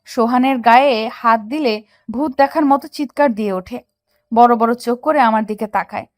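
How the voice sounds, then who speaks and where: Actress doing a young wife, earnest, questioning, high voice, dry close mic, storytelling. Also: female voice, normal speed, no room sound, lightly acted. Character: young wife, hurt and puzzled. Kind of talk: Bengali audio story narration and acting.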